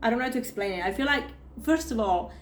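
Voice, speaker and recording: Expressive woman in her forties, roomy sound. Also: on the high side, quick pace, a little hiss or hum. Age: 40s. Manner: animated, emotional, restarts and acted-out inner thoughts. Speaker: podcast host and spiritual coach. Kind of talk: casual spiritual talk.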